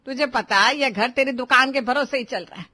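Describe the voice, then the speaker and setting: A woman's voice: fairly high pitch, lively intonation, moderate pace, bright, forceful tone, no room sound. A woman voicing a scolding middle-aged mother who lectures her grown son. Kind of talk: Hindi cartoon voice acting.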